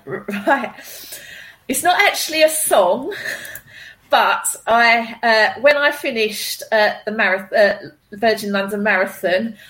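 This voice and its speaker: A woman in a casual quick-fire chat, chirpy and quick to laugh. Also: a little high, animated, fairly bright tone. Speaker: podcast guest, amateur runner.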